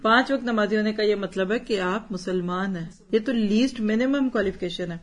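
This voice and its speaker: A woman giving a religious talk as a teacher, persuasive and full of rhetorical questions, slipping English words into her speech. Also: medium pitch.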